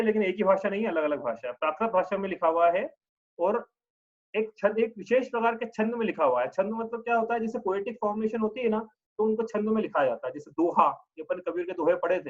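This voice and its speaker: A man's voice: high-pitched, dull audio. A man giving a patient religious lesson, explaining step by step and often checking in with his listeners. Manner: chants verses slowly in a drawn-out tune. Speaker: religious teacher.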